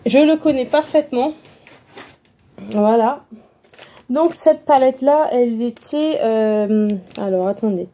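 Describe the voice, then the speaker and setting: A woman vlogger chatting casually through a beauty haul, repeating words and filling pauses. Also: on the high side, warm tone. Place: room at home.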